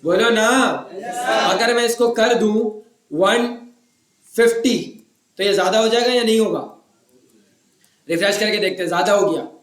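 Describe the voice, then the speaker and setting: A high-voiced man with a sore, scratchy throat teaching a class from Pakistan. He keeps prodding students with questions and teases them when they stay quiet. His voice comes from some distance in a roomy classroom. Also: normal speed, pauses often. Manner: teasing, keeps asking the class if they follow. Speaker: web development instructor. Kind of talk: classroom lecture.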